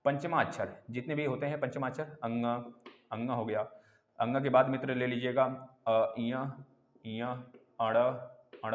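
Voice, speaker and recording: A man teaching an online exam-prep lesson, animated, sounding out letters aloud and calling his listeners friends. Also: mid-range voice, highs cut off. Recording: echoey room with long reverb.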